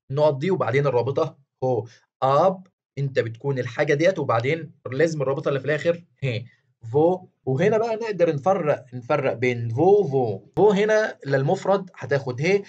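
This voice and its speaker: Egyptian guy teaching a grammar lesson, talks fast, repeats stuff a lot, kinda muffled lo-fi sound. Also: mid-range voice, darkish tone, slightly rough. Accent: Egyptian Arabic. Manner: patient and repetitive, checks in with "okay?". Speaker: language teacher.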